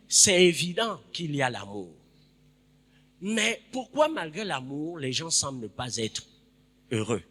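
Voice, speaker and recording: Male preacher, sermon, animated swooping pitch, emphatic repetitions, long church reverb. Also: husky. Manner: emphatic, repeats phrases, sudden loud bursts.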